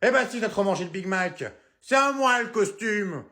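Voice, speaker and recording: A man's voice: high voice, animated, moderate pace, bright, forceful tone, voice pushed up, heavily acted. A man voicing a sulky little boy who is the youngest brother and pleads and complains. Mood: whining.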